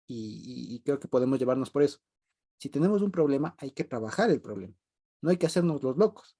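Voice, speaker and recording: In a mellow, dark-toned voice of medium pitch, a man leads a relaxed, informal group Bible study. He speaks conversationally, circles back to restate his main points, and often lets out a brief chuckle.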